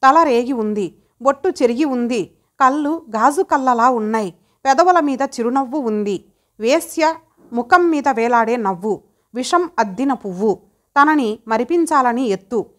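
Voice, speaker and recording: A woman reading an audio story aloud as its narrator, in a measured, dramatic way. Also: a little high, expressive. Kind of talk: scripted narration.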